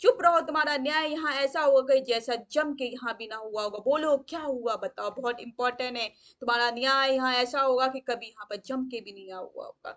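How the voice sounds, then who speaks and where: A woman reading the part of a foolish, hot-tempered king, shouting insults and orders. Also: high voice, fairly quick, hardly any pauses. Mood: bossy.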